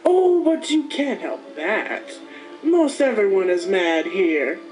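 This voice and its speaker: Lady doing a mad grinning cartoon cat, super slow n sing-song, music behind. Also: medium pitch, expressive, a little mellow, low-quality recording. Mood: sly, mad. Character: mischievous, teasing male Cheshire cat, grinning and mad. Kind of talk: cartoon fandub acting.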